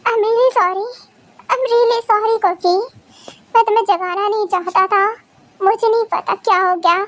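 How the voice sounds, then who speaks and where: A woman voicing a tender, emotional young husband in a fan audio drama. She speaks softly and affectionately. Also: very high-pitched, steady tone, measured pace. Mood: apologetic.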